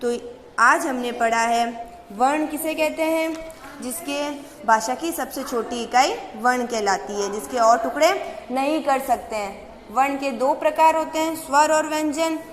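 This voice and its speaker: Woman teacher, Rajasthani Hindi accent, asks and answers her own questions; bright high voice recorded in a reverberant room. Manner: asks questions and answers them herself, drawn-out stresses on key terms. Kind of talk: classroom grammar lesson. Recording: echoey room with faint ambience.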